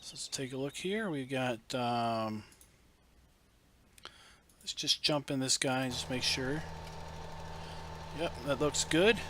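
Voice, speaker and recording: A man giving casual, unhurried gameplay commentary as host of a farming game video, thinking aloud in a folksy way with a tractor engine rumbling behind him. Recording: loud vehicle engine noise behind voice.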